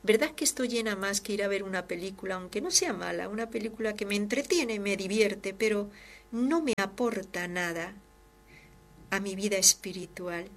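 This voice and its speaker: Religious sister, host, fervent and expressive, reads listener mail warmly. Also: female voice, medium pitch, moderate pace. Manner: fervent, expressive, swings from loud to hushed. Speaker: religious sister hosting a devotional program. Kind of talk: devotional talk and reading listener letters.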